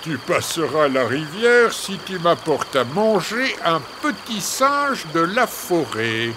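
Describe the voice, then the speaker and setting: A man voicing a gruff, menacing old crocodile in a storybook, slow and demanding. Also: on the high side, sing-song, noisy background. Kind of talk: storybook reading.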